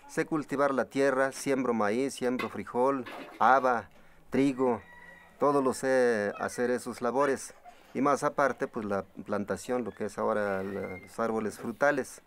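A man's voice: mid-range voice, a little hiss or hum. Mexican man in his sixties, plain-spoken. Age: 60s. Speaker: farmer and traditional healer. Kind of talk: interview answers.

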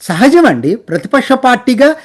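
A man's voice: extremely high pitch, sing-song, moderate pace. A man delivering an emphatic, indignant political commentary monologue, firing off rhetorical questions and addressing listeners politely.

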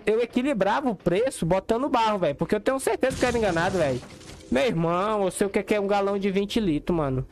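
A man's voice: high-pitched, slight background noise. A young man with a Brazilian Portuguese accent giving slangy, chatty commentary while streaming a game and talking to his chat. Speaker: gaming streamer. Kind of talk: casual gameplay commentary.

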